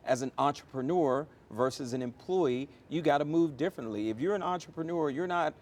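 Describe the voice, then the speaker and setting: A middle-aged American man, an airport chief executive appearing as an interview guest, answers questions conversationally with an emphatic, motivational manner and a storyteller's use of examples. His voice is a little high and darkish, and he speaks fairly quickly.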